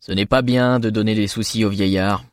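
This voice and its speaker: Male narrator voicing a self-assured teen boy, blunt yet caring, lifted a bit higher, storybook read in a dry booth. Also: steady tone, fairly quick, no echo, close to an everyday voice. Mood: frank. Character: confident friendly male high school student.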